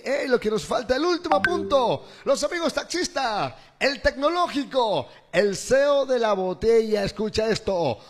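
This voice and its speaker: A man's voice: extremely high pitch, slightly rough. A man with an Ecuadorian accent hosting an informal radio show, chatting colloquially and repeating his phrases. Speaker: radio host.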